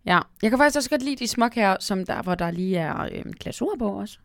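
Lively woman reading a Christmas story. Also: medium pitch, no echo, studio quality. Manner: lively, often dropping to a hushed whisper. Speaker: podcast host and storyteller.

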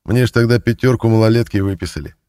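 A man's voice: on the low side, quick pace, smooth, pitched above the performer's own voice, lightly acted. A man playing a brash, cocky thief in a cell. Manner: loud, cocky and demanding. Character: brash streetwise male thief, a prisoner.

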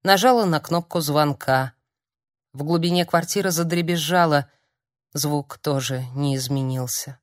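A woman narrating an audiobook in a calm, measured reading. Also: low-pitched, no room sound, studio quality. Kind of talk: scripted narration.

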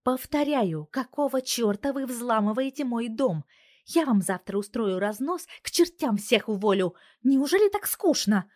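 A sharp-tongued young wife and computer genius, commanding and scolding with a raised, forceful voice, as a woman reader puts her on. It is recorded dry and close, like a storybook reading. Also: fairly high pitch, animated, brisk, no echo, pitched above the performer's own voice.

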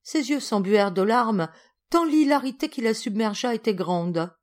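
A woman narrating a comic science fiction audiobook in a lively, expressive reading. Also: fairly high pitch, moderate pace. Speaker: audiobook reader.

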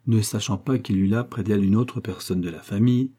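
A man reading a classic novel aloud in measured scripted narration. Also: on the low side, warm tone, husky. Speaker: audiobook reader.

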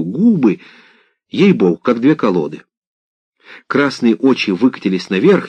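A man reads a folk tale aloud with a dramatic, expressive delivery, his pitch swinging widely. His voice is low and husky. The recording is dry and dull, with a lo-fi sound. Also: no echo. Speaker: narrator. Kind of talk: scripted storytelling narration.

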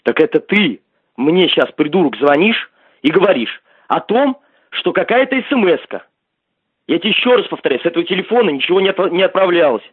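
A man speaks over a narrow, tinny landline phone line with dry, close sound. His voice is a bit high for a man and slightly husky. He talks bluntly and keeps repeating himself. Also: very animated, a little fast, no room sound. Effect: heard over a landline phone. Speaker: call recipient.

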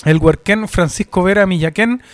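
A man hosting a radio interview, framing his questions hesitantly with many pauses. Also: high voice, no echo, soft background music. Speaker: radio show host.

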